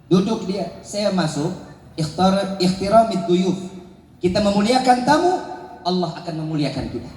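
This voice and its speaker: A man's voice: high-pitched, lively intonation, moderate pace, darkish tone. A man preaching, telling a humorous story with slangy asides and Arabic phrases, and calling out to the crowd for answers. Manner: calls out to the crowd for responses. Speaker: preacher at a religious gathering. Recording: echoey hall with long reverb, faint ambience.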